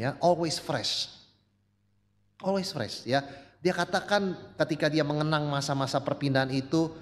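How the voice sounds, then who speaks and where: A male pastor preaching a sermon, telling stories and shifting between loud, high emphasis and soft, low asides as he addresses the congregation. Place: church sanctuary. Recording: long church reverb.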